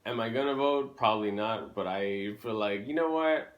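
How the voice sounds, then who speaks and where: A man's voice: fairly low pitch, moderate pace, muffled recording. Casual man chatting as co-host. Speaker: co-host of a video channel. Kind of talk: casual chat.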